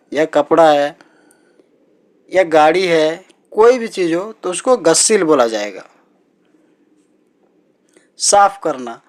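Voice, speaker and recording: A man teaching everyday vocabulary as a language teacher, repeating each word slowly and patiently. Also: a little high. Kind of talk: teaching Arabic words in Hindi.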